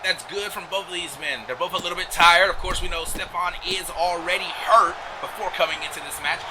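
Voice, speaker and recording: High-voiced excitable wrestling commentator. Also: male voice, fairly quick, background noise. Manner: erupts into excited shouting on big moves. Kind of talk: live sports commentary.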